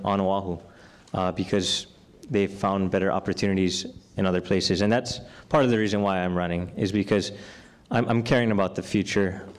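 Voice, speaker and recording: Young man, from Hawaii, candidate at a community forum, earnest, eager, lowish voice. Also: clear, resonant tone. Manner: earnest, eager, self-promoting. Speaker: political candidate. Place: indoor community meeting room.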